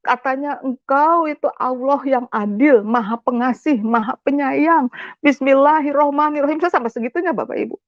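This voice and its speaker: A woman's voice: high voice, normal speed, hardly any pauses, dry recording, highs cut off. A woman telling her personal testimony to a congregation in an earnest, direct way, often addressing her listeners and slipping in English words. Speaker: testimony speaker.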